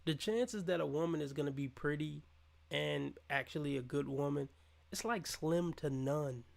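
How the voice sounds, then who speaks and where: A man livestreams a reaction to a dating show, ranting over the clip with mocking scorn. His gravelly voice is a little high and moves at normal speed.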